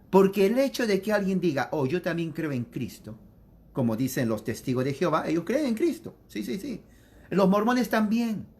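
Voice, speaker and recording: A man preaching a catechism lesson in an emphatic, repetitive way, acting out opponents' objections in quoted voices. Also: fairly high pitch. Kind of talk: sermon.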